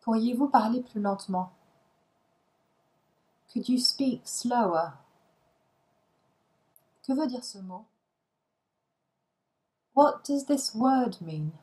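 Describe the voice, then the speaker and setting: A woman's voice: fairly high pitch, expressive, extremely slow, long pauses, warm tone, rough recording. A woman reading short phrases for a language lesson, each one followed by its translation. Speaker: language teacher.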